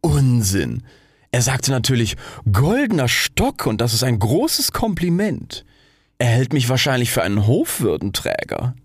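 A man's voice: medium pitch, expressive, moderate pace, breathy edge, no echo, clean studio sound. A man voicing a vain, pompous old firework rocket in a storybook reading. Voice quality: pompous, grandiloquent.

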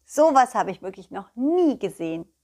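A woman's voice: fairly high pitch, big pitch swings, a little mellow. A woman telling a children's story in the first person, playful and giggly. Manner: playful, slow, giggles between lines.

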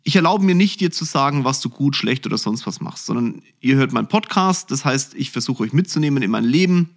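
Rambling podcast host musing aloud. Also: male voice, medium pitch, fairly quick. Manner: rambling, reflective, quotes his own thoughts in lively asides. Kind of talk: casual solo podcast monologue.

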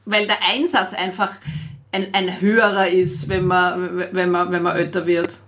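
A woman's voice: fairly low pitch, flat delivery, normal speed, a bit bright. A middle-aged woman, a singer, chatting casually and explaining things at length, often repeating words as she thinks. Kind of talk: casual chat.

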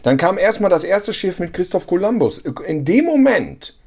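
A man co-hosting a podcast in casual conversation. His voice sits a bit high and moves lively up and down. He teases and hesitates, reaching for words with fillers. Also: normal speed, a loud crowd. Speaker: podcast co-host.

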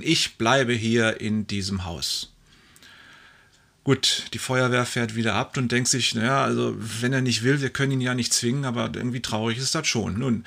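Gravelly man leisurely telling jokes. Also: medium pitch, bright, forceful tone. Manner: leisurely storytelling with fillers, acting out the voices. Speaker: joke teller.

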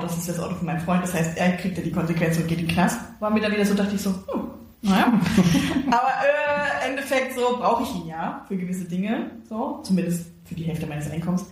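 A woman's voice: on the low side, a little fast, darkish tone. A woman co-host tells a story in an easy, chatty way. She acts out the quoted dialogue as she goes. The recording sits in a strongly echoing room. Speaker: podcast co-host. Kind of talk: casual storytelling chat. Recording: very echoey room.

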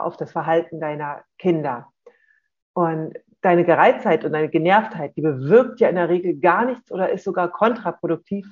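Parenting coach, calm explaining tone, checking-in tags, mid-range pitch, dull lo-fi recording. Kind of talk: coaching talk addressed to parents.

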